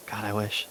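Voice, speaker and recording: A man chats casually through a game stream, laughing a lot and wandering off into asides. His tone is fairly bright, and there's a little background noise.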